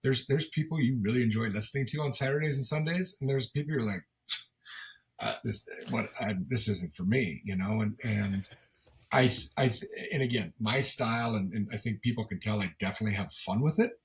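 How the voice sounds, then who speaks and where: A middle-aged man with a gravelly smoker's rasp chats casually as a sports interview guest, often repeating words as he goes in a folksy, self-deprecating way. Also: medium pitch, brisk. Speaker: football commentator and former coach, as guest.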